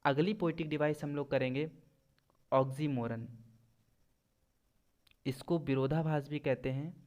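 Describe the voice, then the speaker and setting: A man teaching English poetic devices in Hindi, reading out English examples slowly and then explaining them, often asking a question and answering it himself. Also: on the high side, a little mellow. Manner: asks and answers his own quiz questions.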